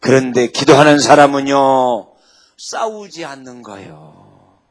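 A male pastor preaching a sermon emphatically, swinging between loud exhortation and low quiet asides and calling on the congregation to say amen. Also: takes it slowly, a crowd in the background. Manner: asks the congregation to say amen and repeat lines.

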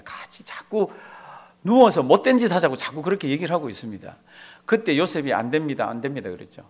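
A man preaching a sermon as pastor, asking the congregation questions and acting out prayers. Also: on the high side.

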